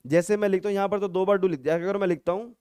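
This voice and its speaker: A man with a high voice teaches English grammar to the camera, going step by step and stopping to ask the viewer questions. He acts out insistent, emphatic replies to show how the words are stressed. The sound is dry and close, with no room around it. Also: fairly even intonation, very fast, a little mellow, clean tone, dry recording. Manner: explains step by step, asking the viewer rhetorical questions. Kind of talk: classroom-style grammar lesson.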